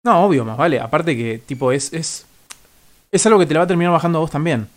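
A man with a Rioplatense Argentine accent hosting a stream, asking questions in halting, filler-heavy phrases. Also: on the high side. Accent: Rioplatense Spanish. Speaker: stream host. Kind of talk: casual interview on a stream.

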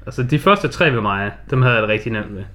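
A man with a Danish accent talks casually as a podcast co-host. His voice sits at an average male pitch, and he delivers his thoughts as informal film chat. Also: expressive, sharp tone.

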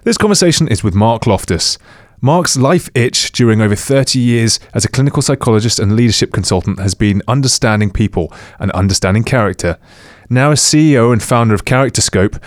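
Low-voiced male podcast host, dry sound. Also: no echo. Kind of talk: scripted introduction and interview questions.

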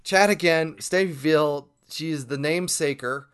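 A man's voice: a little high, moderate pace, fairly bright tone, smooth. A man hosting a casual podcast chat, joking around and rambling in a self-deprecating way. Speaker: podcast host.

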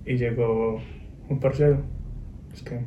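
A young man, telling an animated story in casual chat, full of slang. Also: measured pace, reverberant, lo-fi sound. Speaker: guest. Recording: noisy low-quality recording.

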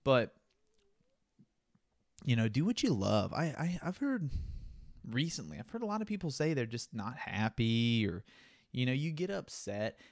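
A man's voice: mid-range voice, very animated, a little slow. A man hosting a solo podcast, rambling casually while drinking beer and musing aloud. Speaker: podcast host.

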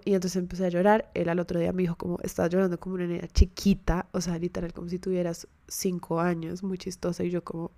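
A woman's voice: on the low side, gravelly, mellow, no room sound. A young woman hosting a podcast, telling a story in a candid, chatty way, with casual swearing, close to the microphone. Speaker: podcast host.

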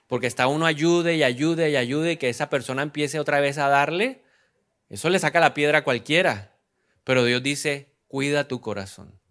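A man preaching a sermon who asks the congregation questions and answers them himself, slowing down to stress key phrases. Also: a little high. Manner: acts out quoted lines with sudden loud outbursts. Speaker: pastor.

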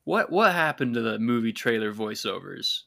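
Man, mid-pitched voice, podcast co-host, jokey, laughs easily. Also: very animated, moderate pace, creaky, sharp tone. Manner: jokey, laughs often, steers the talk. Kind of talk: casual chat.

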